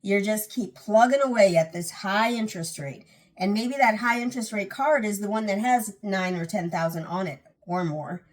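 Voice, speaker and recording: A woman vlogger talking casually about getting out of debt. She is earnest, often restarts and repeats phrases for emphasis, and sounds a little tired. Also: lowish voice. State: tired, yawning. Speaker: personal finance vlogger. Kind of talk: casual talk to camera.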